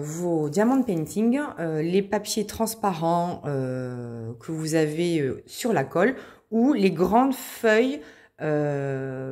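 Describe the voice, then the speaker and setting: A woman hosting a craft tutorial, explaining casually with many pauses and restarts. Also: fairly low pitch, a little mellow. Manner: chatty, many hesitations and restarts.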